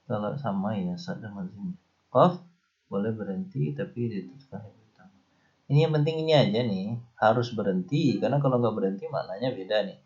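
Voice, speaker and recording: In a dull lo-fi recording of a classroom lecture, a man covers Islamic studies in a casual, explanatory way, frequently saying "ya" and "nih." He has a light Indonesian accent and a lowish, darkish voice, and he talks fairly quickly.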